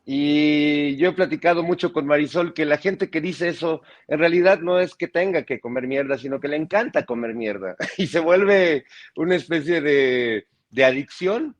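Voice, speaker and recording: A man's voice: a little high, normal speed, dull audio. Reflective man on a panel. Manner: reflective, talks in metaphors, many restarts. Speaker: panel guest. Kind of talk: political panel discussion.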